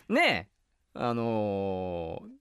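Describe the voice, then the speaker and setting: A man's voice: lowish voice, huge pitch swings, very slow, a bit bright, clear, resonant tone, no room sound. A man co-hosting a casual radio show in a studio, wry and teasing. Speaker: radio co-host.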